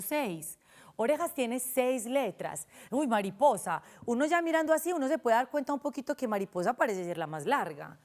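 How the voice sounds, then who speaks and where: Young Colombian female schoolteacher, fairly high voice, animated and patient with kids. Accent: Colombian Spanish. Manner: animated, counts slowly and sounds out syllables. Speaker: primary school teacher. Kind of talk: teaching a recorded lesson to children.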